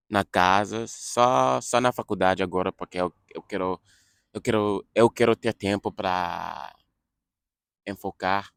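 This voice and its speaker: Slow, halting young man, deep voice. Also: clear, resonant tone, no room sound, studio quality. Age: young adult. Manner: halting, many restarts and self-corrections. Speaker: vlogger, language learner. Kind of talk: casual spoken update in a learned language.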